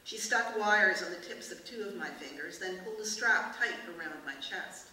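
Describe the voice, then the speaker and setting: A woman author reading aloud from her novel at a book festival, in measured, expressive narration. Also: medium pitch. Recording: echoey room from far off, hiss.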